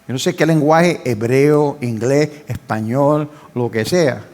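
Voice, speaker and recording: An older man, a pastor, preaching a fervent sermon that swings between loud pleading and quiet asides. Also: mid-range voice, takes it slowly.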